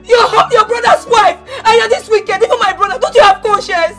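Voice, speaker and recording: Very high-voiced, desperate young Nigerian woman. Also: steady tone, normal speed, a bit bright, soft background music. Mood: angry, wailing accusation. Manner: pleading, repetitive, dramatic. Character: desperate young woman begging her hard-hearted uncle. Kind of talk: emotional film drama acting.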